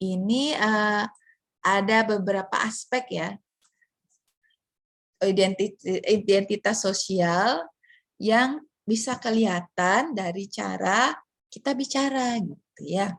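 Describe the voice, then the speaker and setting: A woman's voice: mid-range voice, takes it slowly, long pauses, dry recording, clean studio sound. A woman giving a casual lecture, chatty, asking rhetorical questions and acting out short examples.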